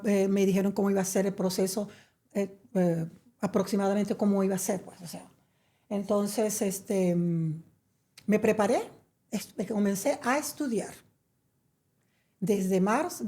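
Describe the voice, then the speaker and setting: A woman from Venezuela, telling her story in an interview; she hesitates with many fillers and restarts, then turns lively and emphatic. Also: mid-range voice, slow, long pauses. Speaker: interview guest. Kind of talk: conversational storytelling.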